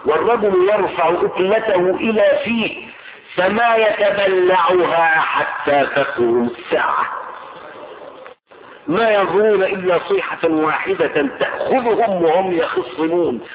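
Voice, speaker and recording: A man preaching a Quranic exegesis sermon, measured and emphatic, repeating phrases with drawn-out stress. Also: high-pitched. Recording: echoey tinny radio broadcast.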